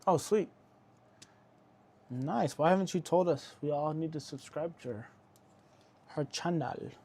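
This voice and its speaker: A man's voice: on the high side, unhurried, darkish tone, husky. A man hosting a live repair stream, joking casually with viewers in chat while he works. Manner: reads viewer chat aloud and answers it. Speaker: electronics repair livestream host.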